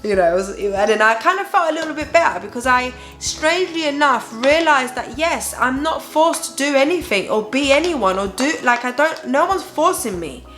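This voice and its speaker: Exhausted young mum venting, in a higher-pitched voice. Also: female voice, lively intonation, moderate pace, hardly any pauses, fairly bright tone, faint music behind. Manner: exhausted, weary parent venting candidly. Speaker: parenting vlogger and host, mother of a baby. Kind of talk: casual confessional chat to viewers.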